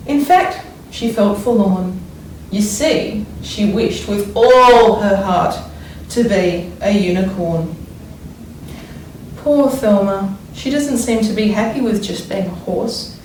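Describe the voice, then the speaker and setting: Like a primary school teacher, a woman reads to young children with dramatic emphasis, pausing to wonder aloud and explain things deliberately. Her voice is average in pitch for a woman, expressive and a little mellow. The audio sounds distant and strongly echoey, with faint noise behind her.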